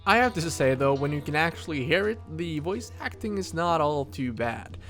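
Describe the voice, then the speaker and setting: Brief: male reviewer, somewhat high voice, snarky scripted narration. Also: animated, moderate pace, fairly bright tone, faint music behind. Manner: sarcastic, swears casually. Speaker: video game reviewer. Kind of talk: scripted video essay narration.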